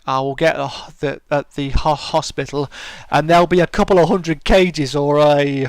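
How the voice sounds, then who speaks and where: A middle-aged live-streamer, heard on a dry recording, speaks in a fairly high voice that is smooth and soothing. He hosts a casual chat, taking viewers' comments one by one and answering. His friendly, chatty delivery is full of restarts and stammers.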